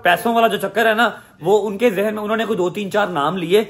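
A man's voice: high-pitched, steady tone, fast talker. Teasing man. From Pakistan. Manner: warm, teasing, emphatic. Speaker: vlogger. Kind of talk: casual family vlog talk.

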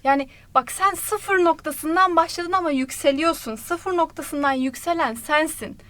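A woman teaching Korean in an online lesson, explaining song lyrics in a lively way, talking straight to viewers and breaking phrases into parts that she repeats slowly. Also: high voice.

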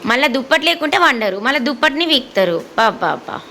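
A woman's voice: sits high, takes it slowly, pushed and bright, slight background noise, low-quality recording. A woman, playfully teasing and baby-talking to her dogs in a sing-song, coaxing way. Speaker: dog owner vlogger.

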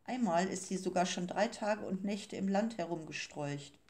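A woman voicing a talkative young man in an audiobook, speaking in a quick, persuasive way with a raised voice. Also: mid-range voice, darkish tone, natural voice. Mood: soothing. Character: young male storyteller, talkative, evasive, easily startled.

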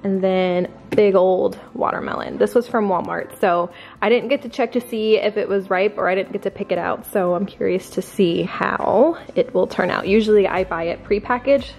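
A woman's voice: medium pitch, moderate pace, gravelly, a little mellow. A woman in her thirties, a family vlogger, chatting casually and in a friendly way with her viewers as she shows her groceries in a large home kitchen. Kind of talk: casual grocery haul chat.

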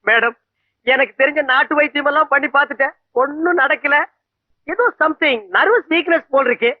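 A man's voice: very high-pitched, moderate pace, no echo. A fussy, gossipy man. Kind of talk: Tamil film comedy acting. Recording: dry, dull lo-fi film audio.

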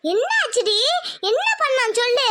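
A woman's voice: very high-pitched, lively intonation, moderate pace, noisy background. A woman voicing a worried village mother in a homemade cartoon, scolding and pleading with her daughter. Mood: alarmed. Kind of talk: cartoon voice acting.

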